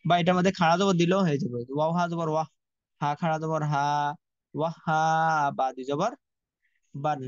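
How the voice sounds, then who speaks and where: A fairly high-voiced man leads a Quran reading lesson. He drills each Arabic letter and vowel sign in slow, chanted repetition. The recording is dry and dull, with no room sound. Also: steady tone, dry recording. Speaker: Quran recitation teacher.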